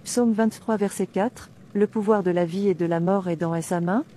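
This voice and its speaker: The warm, steady, medium-pitched voice of a woman carries a lightly acted performance as a devout, defiant princess in a dubbed cartoon. She speaks at a moderate pace, declaiming firmly and earnestly like a preacher and citing scripture in sermon-like dialogue. A little hiss or hum sits under the recording.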